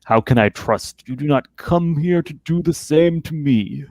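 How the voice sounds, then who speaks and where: Wanted: rumbling, distrustful cave troll for tabletop fantasy, man performing, slow delivery. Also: darkish tone, no room sound. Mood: wary, accusing.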